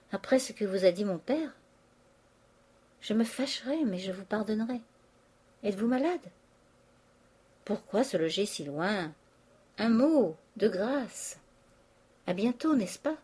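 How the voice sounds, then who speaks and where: A woman reading an audiobook, voicing a young woman's love letter in a slow, tender, pleading way. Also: mid-range voice, mellow, breathy edge.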